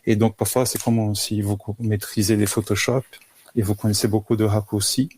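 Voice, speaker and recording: A man from Brazil speaking French with a Brazilian accent, a guest in an interview who talks haltingly with many restarts. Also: lowish voice, level tone, darkish tone, slight background noise. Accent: Brazilian Portuguese. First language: Portuguese. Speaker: guest photographer. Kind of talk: casual interview talk.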